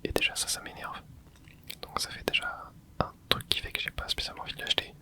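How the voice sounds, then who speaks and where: A fast talker with a pushed, bright voice, the gaming channel host whispers his way through casual gameplay commentary. He hesitates a lot, rambles, thinks aloud, and leans heavily on filler words.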